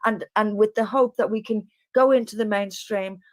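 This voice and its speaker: A woman speaking in a political discussion clip, measured with hesitant fillers. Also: medium pitch, fairly even intonation. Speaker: interviewee in a reacted-to video.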